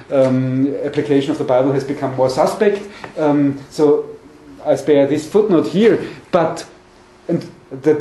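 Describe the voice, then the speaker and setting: The recording, made with a distant mic in an echoey indoor meeting room with a conference table, carries a little hiss or hum. The academic lecturer, a man in his forties, has a high-leaning voice with a dark tone and delivers his scholarly seminar hesitantly, repeating words while searching for the right phrasing.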